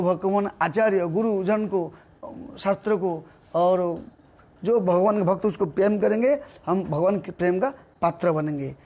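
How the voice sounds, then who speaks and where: A man giving a devotional sermon, breaking into slow chanted verses between his explanations. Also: high voice, a little mellow. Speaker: preacher.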